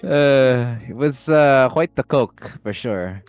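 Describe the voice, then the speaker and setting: A man in casual group chat, telling an anecdote slowly and chuckling as he goes. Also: medium pitch, animated, clean tone, no echo, soft background music. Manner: slow, laughing anecdote telling. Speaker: guest.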